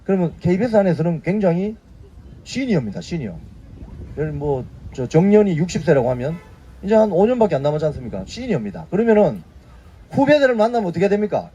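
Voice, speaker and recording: A man's voice: high voice, big pitch swings, quick pace, mellow, dull audio, slight background noise. A man in his fifties hosting a casual news briefing, prodding his viewers with short tag questions. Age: 50s. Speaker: YouTube news briefing host. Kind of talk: casual spoken commentary.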